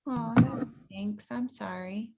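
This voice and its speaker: A woman's voice: fairly high pitch, slow, vocal fry, mellow. A woman hosting a casual group chat, encouraging and full of questions. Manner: encouraging, asks many questions.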